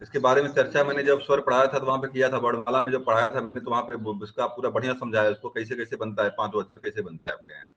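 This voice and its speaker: A man's voice: medium pitch, steady tone, rapid-fire, few pauses, a bit bright, dull audio. A man teaching grammar in an online class, explaining step by step and often checking whether students have understood.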